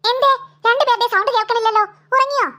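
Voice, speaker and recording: A woman's voice: very high voice, fairly even intonation, fast, bright, forceful tone. A woman voicing a tired, scolding mother of two girls in a cartoon. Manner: nagging, exasperated scolding.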